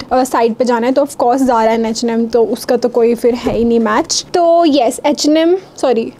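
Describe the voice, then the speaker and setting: A young woman in her twenties with an Indian accent, chatting quickly through a clothing haul and switching between Hindi and English. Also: high voice, a little mellow. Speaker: fashion vlogger. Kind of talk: try-on haul chat.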